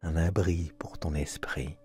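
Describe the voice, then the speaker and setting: In a soft, soothing hush with measured pauses, a man leads a sleep hypnosis as host of his channel, sounding as close as if he were at your ear. His deep voice is slightly rough with fairly even intonation; a close binaural mic captures it over soft background music.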